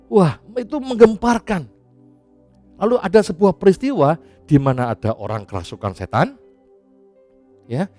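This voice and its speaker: Animated preaching man with faint music. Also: high voice, normal speed, long pauses. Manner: chatty and animated, laughs often, casual asides. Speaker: pastor. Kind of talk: sermon.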